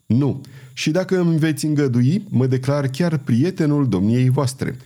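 Cool, wry knight read by a man, steady delivery, mellow and expressive. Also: on the high side, pitched above the performer's own voice, close to an everyday voice. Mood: calm.

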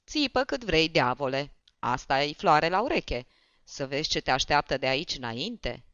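Narrator barking as a menacing brute barber. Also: male voice, fairly high pitch, big pitch swings, pushed and bright, clean tone, dry recording. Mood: threatening. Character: brutal barber, gruff, loud and threatening. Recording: dull, dry.

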